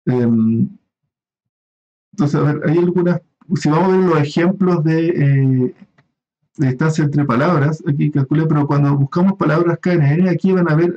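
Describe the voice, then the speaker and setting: A man's voice: fairly high pitch, dark tone, lo-fi sound. A man giving a recorded online class, explaining step by step with frequent fillers and checking in with his students. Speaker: university lecturer.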